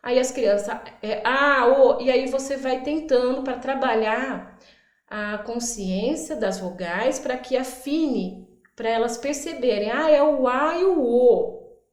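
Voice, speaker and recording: A woman's voice: high-pitched, a little slow. Echoey-voiced woman teacher explaining activities. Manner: stretches out words for demonstration, acts out classroom prompts. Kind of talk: instructional explainer.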